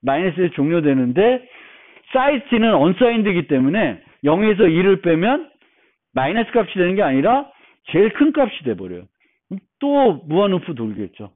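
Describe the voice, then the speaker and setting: A male university lecturer delivers a recorded programming lecture, explaining things step by step with fillers and restarts. His voice is high and very animated at a normal speed, and the audio sounds narrow and phone-like.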